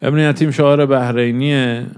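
A man preaching an emotional mourning sermon, drawing out chanted verses slowly and swinging between swelling loudness and a hushed voice. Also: medium pitch, steady tone, smooth. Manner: emotional, swells louder then drops to a hush; draws out recited lines slowly.

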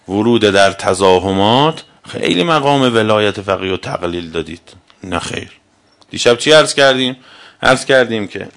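Argumentative man giving a religious lecture. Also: mid-range voice. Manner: argumentative, asks rhetorical questions; swings between loud emphasis and quiet asides. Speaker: cleric.

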